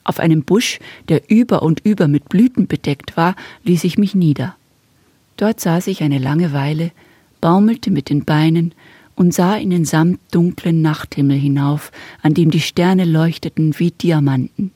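A woman narrating a children's story in a calm, gently expressive way, in the first person. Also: low-pitched, a little slow, breathy edge, dry recording.

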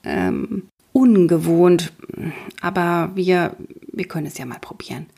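A woman doing a timid grown-up detective in an audiobook, halting and mumbling as he goes. He trips over his words and trails off again and again. The voice carries a husky, slightly gravelly grain. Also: on the low side, mellow, full character voice. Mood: bashful. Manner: stammering, mumbling, hesitant. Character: shy stammering male detective, adult. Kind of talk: audiobook character voice.

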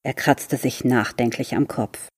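Low, husky woman reading a children's book. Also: no room sound. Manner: calm, unhurried storytelling. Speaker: library reader. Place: library.

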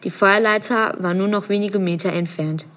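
A woman's voice: medium pitch, moderate pace, a bit bright. A woman reading a first-person novel passage aloud, earnest and now and then stumbling and correcting herself. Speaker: reader of a novel excerpt.

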